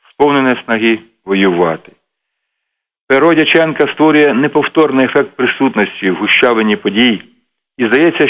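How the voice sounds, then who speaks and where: Earnest man reading on lo-fi radio. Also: mid-range voice. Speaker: radio program host. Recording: dull lo-fi radio recording.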